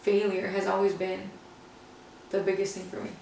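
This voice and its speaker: A woman's voice: mid-range voice, completely flat delivery, moderate pace, creaky, a little mellow. A woman co-hosting a casual, personal chat, telling things candidly in an anecdotal way. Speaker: podcast co-host. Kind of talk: casual personal faith conversation. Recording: very echoey room, distant mic, faint noise.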